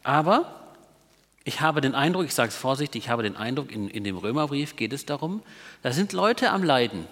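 A man's voice: mid-range voice, very animated, normal speed, a bit bright. A man preaching a sermon in a conversational way, often checking in with his listeners through little tag questions. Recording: long reverb of a large hall.

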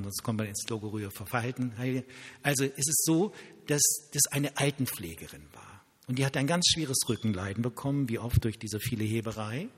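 A male pastor preaching a sermon, telling lively stories and acting out quoted dialogue. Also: medium pitch, breathy edge, in a large hall.

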